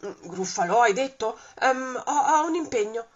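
A big, gullible forest monster who growls loudly that he is hungry, as a woman reads him aloud. His voice is gruff with a husky edge. The sound is dull and lo-fi. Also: sits low, normal speed. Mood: nervous.

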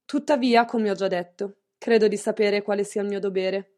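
A woman's voice: on the high side, moderate pace, dark tone, close to an everyday voice. A woman reading an audiobook, voicing a stern, wealthy middle-aged mistress who speaks curtly and severely. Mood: haughty. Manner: curt, severe, clipped.

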